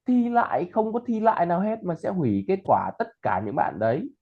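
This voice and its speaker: A man's voice: high-pitched, wildly swooping pitch, fairly quick. A man chatting casually and then teaching pronunciation, explaining and repeating example words. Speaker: English tutor. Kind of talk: casual chat and pronunciation lesson. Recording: tinny phone-like line.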